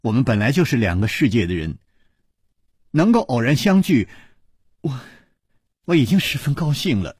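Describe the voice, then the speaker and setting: A man's voice: mid-range voice, very animated, normal speed, long pauses, darkish tone, breathy edge, dry recording, studio quality. A male storyteller voicing a coquettish, impulsive young princess in a wuxia story. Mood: wistful. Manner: sweet, wheedling, then trembling.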